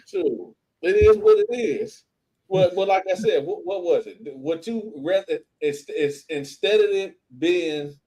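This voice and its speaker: Animated, slangy man telling stories. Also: a little high, poor audio. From Flint, Michigan. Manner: lively, laughs often, slangy. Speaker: guest streamer. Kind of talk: animated storytelling in a podcast chat.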